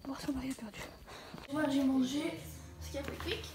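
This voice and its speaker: A woman with a slightly hoarse voice, chatting in a rambling, slangy way while vlogging at home. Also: high voice, fairly even intonation, a little fast. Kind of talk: casual vlog chat. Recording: roomy and noisy home recording.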